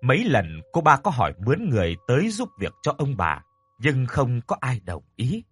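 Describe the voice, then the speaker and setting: Male horror narrator, husky voice, lively pitch, faint music behind. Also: moderate pace. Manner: expressive, dramatic storytelling. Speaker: storyteller. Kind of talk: scripted horror story narration.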